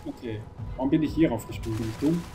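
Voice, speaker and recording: Excitable man playing a horror game. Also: mid-range voice, fast, faint music behind. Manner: excitable, talks to the game character, swears when tense. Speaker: gaming channel host. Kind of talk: horror game let's play commentary.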